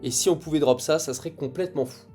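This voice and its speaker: A young man giving casual commentary as he opens trading card packs, reacting excitedly to each card as it comes. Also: a little high, fast talker, faint music behind. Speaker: card collector opening booster packs. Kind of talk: casual pack-opening commentary.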